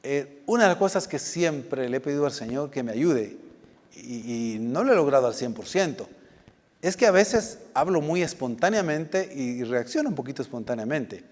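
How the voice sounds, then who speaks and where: A man's voice: mid-range voice, expressive, normal speed. A man preaching a sermon as pastor, speaking spontaneously with restarts and sudden bursts of emphasis. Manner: spontaneous, with repeated restarts and emphatic swings in loudness. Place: church sanctuary. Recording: church hall with long reverb.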